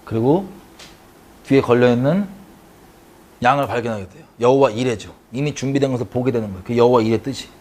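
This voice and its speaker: A man's voice: mid-range voice, fairly quick, pauses often, a little mellow. A man teaching a Bible study, telling the story dramatically, acting out the characters' cries and putting questions to his listeners.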